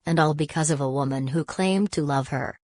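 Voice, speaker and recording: A woman giving scripted narration of a family drama in a dramatic, measured way. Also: low voice, a little mellow, dry recording.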